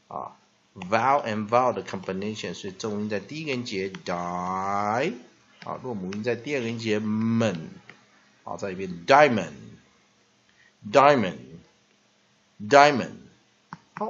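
A male English teacher explaining word pronunciation in a vocabulary lesson with a Taiwanese Mandarin accent, slowly stretching out example words and dropping a filler "ha" between phrases. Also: mid-range voice, a bit bright, highs cut off. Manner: drawn-out repeated demonstration words, frequent filler "ha".

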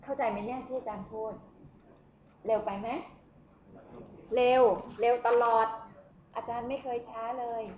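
A woman's voice: on the high side, fairly even intonation, normal speed, long pauses. A woman lecturing at a university on math, who keeps asking the class questions as she works through the steps. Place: lecture room. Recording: echoey room, tinny phone-like sound, faint noise.

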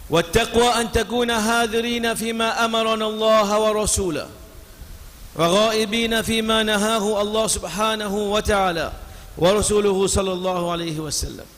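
A man's voice: sits high, fairly even intonation, a bit bright. A middle-aged man giving a Friday sermon, stretching out words for emphasis and weaving in Arabic recitation. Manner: slow, drawn-out emphasis mixing Arabic recitation into French. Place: large mosque hall, standing at pulpit. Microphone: stand microphone. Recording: long hall reverb.

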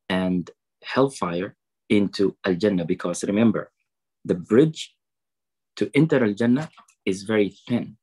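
Husky-voiced man preaching over a video call. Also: on the low side, darkish tone, rough recording. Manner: quotes Arabic sayings, then translates and explains them slowly. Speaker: preacher at a fundraiser. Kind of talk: online fundraising sermon.

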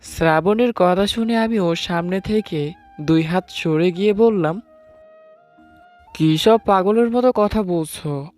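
In a high, darkish voice, a man narrates a romantic tale in the first person as an affectionate, teasing husband, moving slowly and pausing often. Background music plays beneath his dramatized love story as narrator and storyteller.

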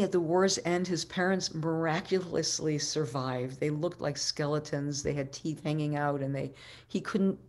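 A woman in her sixties, giving a keynote, tells a story in a low, slightly mellow voice, taking her time and using pauses and repeated phrases for dramatic effect. She's indoors in her living room, speaking into a webcam microphone on a video call.

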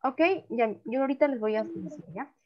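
A woman's voice: on the high side, a little fast, lo-fi sound, slight background noise. A woman teaching English to young children online, having them repeat words after her. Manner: patient, repeats words for pupils to echo.

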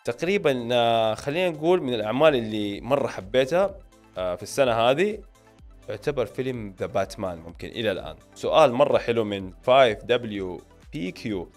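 This late-twenties Hejazi Saudi man, a YouTuber covering films and series, has a medium-pitched, animated voice and a quick pace. He sits near a stand microphone in a small home studio, reading out viewer questions and answering them in a conversational, informal way that speaks straight to viewers, with soft music in the background.

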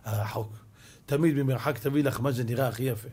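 A man, a rabbi, giving a sermon as an animated storyteller who drops to a hush for suspense. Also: medium pitch, slightly rough.

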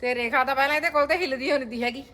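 A woman's voice: high-pitched, racing, pushed and bright. A woman chatting casually to viewers at home as a vlogger. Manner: chatty, addresses viewers directly. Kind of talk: casual home vlog narration. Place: family home with courtyard.

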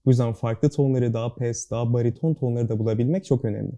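A man's voice: mid-range voice, fairly even intonation, fast, warm tone. A young man answering interview questions as a student club guest, speaking with careful, precise diction in an earnest, formal manner. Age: young adult.

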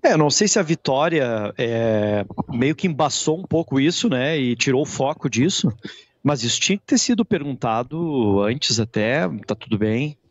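A man reporting from the stadium after a football match, relaxed and conversational. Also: medium pitch, normal speed, dry recording. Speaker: pitchside reporter. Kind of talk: live football post-match talk. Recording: dull lo-fi remote feed.

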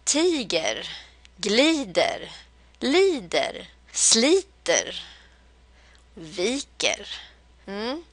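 A woman teaching a language lesson, repeating words in slow sing-song drills for the listener to echo. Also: medium pitch, sing-song, a bit bright.

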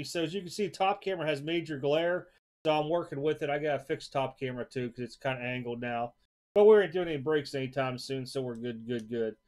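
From a desk in his home card room, a sports card seller previews an upcoming auction, casually showing off trading cards. His fairly high, darkish voice wanders in an easygoing, rambling way and repeats words.

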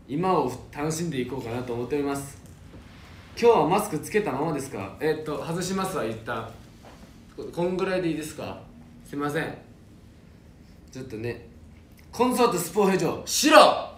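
Young man reading and answering fan comments in a relaxed, playful manner; roomy sound with a faint hiss underneath. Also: on the high side, fairly quick, long pauses. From Japan. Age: young adult. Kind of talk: casual livestream chat.

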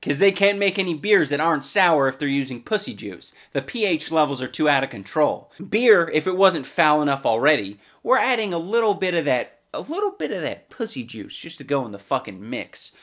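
A young man delivering sarcastic comedy commentary, crude and mocking, his voice swinging up and down with lively expression. He sits a touch high for a man. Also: fairly quick, few pauses. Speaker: comedy video host.

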